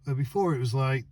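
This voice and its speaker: A man with a mid-range voice vlogs casually outdoors at night while trying out van lights, with slight background noise. Excitable, he exclaims, laughs, and says words over and over.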